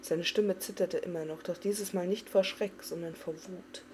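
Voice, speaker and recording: A woman giving an expressive, dramatic reading of a fantasy novel. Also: lowish voice, moderate pace, a little hiss or hum. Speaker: audiobook reader.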